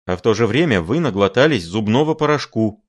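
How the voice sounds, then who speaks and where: A man's voice: fairly low pitch, lively intonation, fairly quick. Male reader doing a raised, furious elderly professor, imperious, lecturing hard. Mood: furious scolding. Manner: thundering, scolding tirade.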